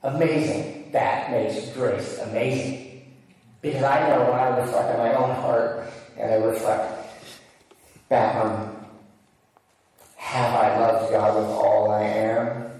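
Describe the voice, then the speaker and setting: A man's voice: mid-range voice, little pitch movement, slow pace, pauses often, a little mellow. A man preaching a sermon as a pastor, earnest and emphatic, often asking rhetorical questions. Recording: echoey hall, mic at a distance.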